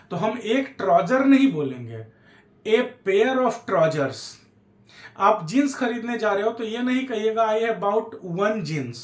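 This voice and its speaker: Male English tutor explaining grammar, unhurried delivery, spells words out, roomy sound. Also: high voice. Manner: slow, deliberate, spells out words letter by letter. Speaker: English teacher.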